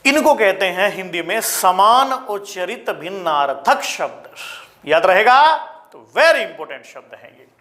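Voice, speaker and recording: A man teaching a spelling lesson to exam students, repeating each word slowly and calling his listeners children. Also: high voice, sing-song, bright, forceful tone. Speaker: Hindi teacher.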